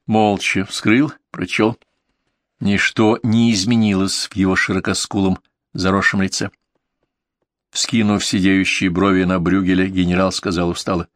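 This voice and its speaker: A man narrates a historical novel for an audiobook at a measured, steady pace. His voice sits on the low side, recorded close and dry with no room sound. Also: no echo. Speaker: audiobook reader. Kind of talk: scripted narration of historical prose.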